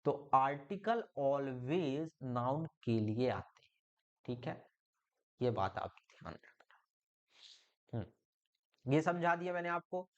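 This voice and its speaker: A man with an Indian Hindi accent teaches an English grammar lesson in a lively, sing-song manner, encouraging students and often checking they follow by repeating "बहुत बढ़िया" and "ठीक है?". His medium-pitched voice goes slowly with long pauses, and the audio sounds dull.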